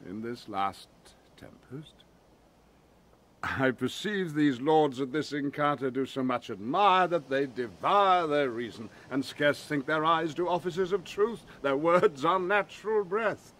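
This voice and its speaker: A man's voice: a little high, expressive, a bit bright. Man acting Prospero, a commanding duke, swooping delivery. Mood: solemn. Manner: theatrical, measured, formal. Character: Prospero, commanding wronged duke and grieving father. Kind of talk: Shakespearean audio drama acting. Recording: clear background noise, ambience.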